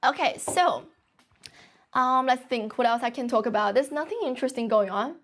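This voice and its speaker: Young Chinese-born woman, fairly high voice, quick and chatty, hosting an English livestream from an office. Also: slight background noise. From China. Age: young adult. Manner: brisk, chatty, refuses to slow down. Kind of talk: casual livestream chat answering viewers.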